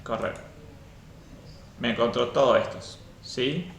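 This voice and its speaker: A man's voice: medium pitch, slow pace, creaky, a bit bright, reverberant, a little hiss or hum. A man teaching a programming class live and explaining step by step, often checking in with "¿sí?".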